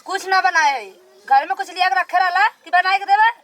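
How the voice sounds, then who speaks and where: Woman acting exasperated village wife, Awadhi accent, extremely high sharp voice, nagging, combative, comedy skit, some background noise. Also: a little fast. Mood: angry scolding. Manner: shrill, nagging, combative complaining.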